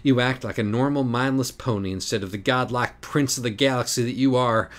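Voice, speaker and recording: A man's voice: mid-range voice, a little fast, pitched above the performer's own voice, natural voice. A man voicing a smug, mocking male cat in an audiobook. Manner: mocking, probing.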